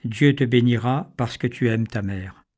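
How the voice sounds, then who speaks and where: A man's voice: medium pitch, a little slow, a little mellow, natural voice. A man reading as Marguerite, ailing peasant mother. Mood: tender. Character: poor, ailing peasant mother, gentle and pious.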